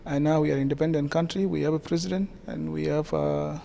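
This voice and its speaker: A South Sudanese-accented man, president of a community association, answers interview questions haltingly with many pauses and hesitations. His fairly high voice stays flat, gravelly yet mellow, with a faint hiss or hum behind it.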